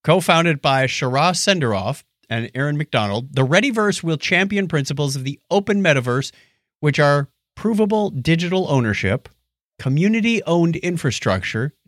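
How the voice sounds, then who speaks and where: This podcast host, a man, banters casually and playfully with his co-host, keeping things joking and conversational. His voice sits on the high side with a fairly bright tone, captured dry with a clean studio sound.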